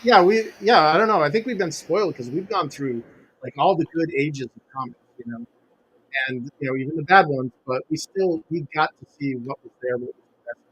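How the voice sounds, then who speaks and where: Speaking a little fast in a slightly high, somewhat bright and slightly rough voice, a comic author in his forties or fifties appears as an interview guest. His loose, rambling chat is full of fillers, restarts and laughs, recorded in low quality on a home podcast mic with a pop filter.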